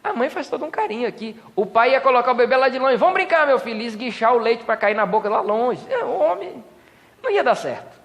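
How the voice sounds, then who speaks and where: A Brazilian man gives a joking sermon from a church pulpit. He has a high voice and acts out small scenes with playful voices. His voice rings with the long echo of a church hall. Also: lively intonation, fast talker, creaky. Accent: Brazilian Portuguese. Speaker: pastor. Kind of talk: humorous sermon.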